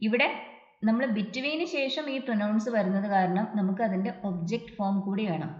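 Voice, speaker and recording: A woman tutor explains grammar point by point and reads English example sentences slowly and deliberately. Her voice sits at a middle pitch. The recording is dull and muffled, with a roomy echo. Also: darkish tone. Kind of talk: exam prep lesson. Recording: dull echoey room recording.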